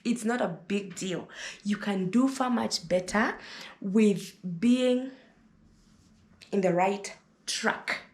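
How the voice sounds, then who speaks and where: A Kenyan woman in her thirties, a vlogger, gives casual, motherly advice to camera in a mid-range, slightly mellow voice with a roomy sound. She speaks slowly with many pauses, lecturing, repeating words to drive points home and often saying "listen."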